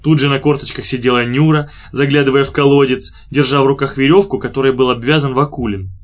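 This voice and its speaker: A man narrating an audiobook in a measured, even reading voice. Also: mid-range voice. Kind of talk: scripted narration.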